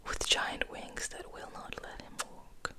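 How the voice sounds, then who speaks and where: This woman is an ASMR host who reads and rambles in a soft whisper, keeping it unhurried, gentle and hushed.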